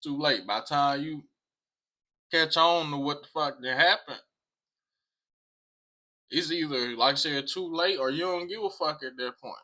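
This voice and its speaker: American man, casual vlog monologue, very bright forceful voice, slightly high pitch, emphatic repetition, frequent swearing. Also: measured pace, pauses often. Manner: emphatic, repeats phrases, swears freely. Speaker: vlog host.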